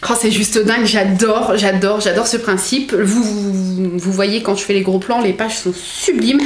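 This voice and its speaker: A young woman chatting as a book vlogger, excitable and full of fillers. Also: mid-range voice, a little slow. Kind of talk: casual unboxing chat. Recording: echoey room.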